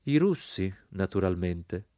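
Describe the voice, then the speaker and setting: A man reading the lines of an ironic old Neapolitan nobleman in an audiobook, dry and unhurried. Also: sits low, very animated, dark tone, dry recording.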